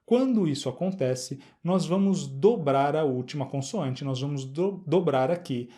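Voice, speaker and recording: With lively intonation and a warm, higher-leaning voice, a middle-aged Brazilian Portuguese-accented man teaches an English grammar exercise. He says words slowly and repeatedly and keeps checking in with the class.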